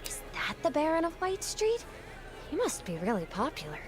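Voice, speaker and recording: A woman's voice: sits high, normal speed, music in the background. A woman playing a wide-eyed, sheltered, curious girl in a video game, with a bubbly, innocent manner. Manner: bubbly, naive, expressive.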